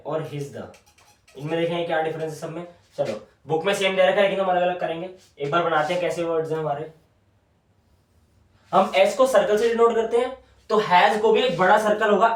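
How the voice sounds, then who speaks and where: Man teaching in an echoey room. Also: a little high. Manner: repeats each word slowly while writing. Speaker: shorthand teacher. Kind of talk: whiteboard lesson. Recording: echoey room, mic at a distance.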